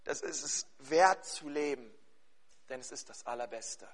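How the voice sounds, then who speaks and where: A man preaching a sermon and leading a prayer, speaking emphatically, repeating key phrases and addressing his listeners directly, swinging between loud stress and hushed passages. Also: medium pitch, measured pace.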